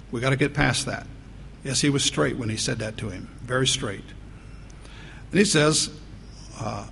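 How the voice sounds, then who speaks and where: Guy pastor preaching, kinda gravelly, repeats himself for emphasis, faint hiss behind. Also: medium pitch, fairly bright tone. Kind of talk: sermon. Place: church. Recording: long church reverb, faint noise.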